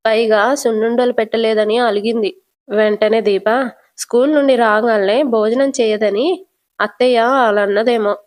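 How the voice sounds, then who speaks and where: A woman vlogger walking through the latest episode of a TV serial scene by scene. Her voice sits fairly high and her delivery is chatty and steady, like a friend recounting a story.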